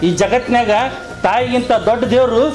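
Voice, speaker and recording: A man's voice: extremely high pitch, fairly even intonation, fairly quick, over music, crowd noise, low-quality recording. An actor playing a village man who lectures a son on respecting his mother. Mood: admonishing. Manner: preachy, admonishing.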